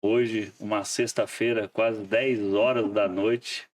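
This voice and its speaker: A man's voice: lowish voice, little pitch movement, slow, recorded from a distance. A man hosting a podcast in casual chat, joking and laughing often with frequent restarts. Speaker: podcast host.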